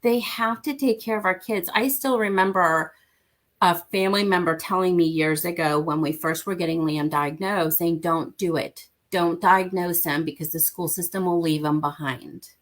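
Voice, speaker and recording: Speaking at normal speed, a Mexican woman with a rather low-pitched voice is interviewed about parenting. Earnest yet relaxed and conversational, she repeats her points to hammer them home.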